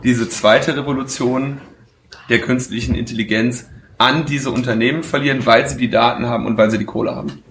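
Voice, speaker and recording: A man's voice: medium pitch, fairly even intonation, a little fast, a bit bright. A man answering audience questions after a talk, frank and hesitant, with many fillers. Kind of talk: conference Q&A answers. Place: lecture hall. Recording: echoey hall, faint noise.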